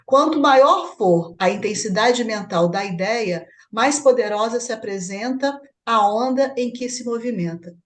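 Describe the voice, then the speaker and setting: Explaining Brazilian woman, higher voice. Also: animated, unhurried, hardly any pauses. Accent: Brazilian Portuguese. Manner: explanatory, asks partner for confirmation. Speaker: study group host. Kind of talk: spiritist book study discussion.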